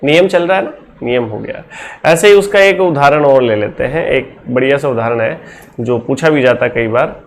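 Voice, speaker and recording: A man's voice: mid-range voice, moderate pace, a little hiss or hum. A male teacher giving a classroom lecture, explaining step by step and asking his students question after question.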